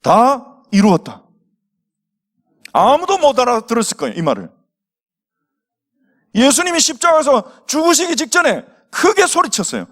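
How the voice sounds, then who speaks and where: A man's voice: very high voice, wildly swooping pitch, moderate pace, a bit bright. A male pastor preaching to young people, telling the story with acted quotes and asking the audience questions. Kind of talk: sermon to teenagers.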